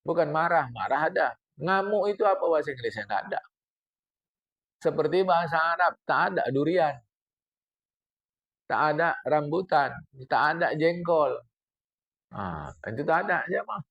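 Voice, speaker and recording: An older man, a religious teacher giving an animated sermon to his congregation, reciting Arabic passages and explaining them. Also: a little high. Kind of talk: mosque study-circle sermon.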